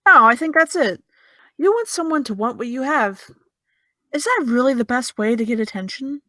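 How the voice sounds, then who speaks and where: Eve, a sardonic young American woman, is acted by a woman with a high voice at normal speed in an audio drama. Her dialogue is cutting and sarcastic, delivered deadpan with a dry, teasing edge.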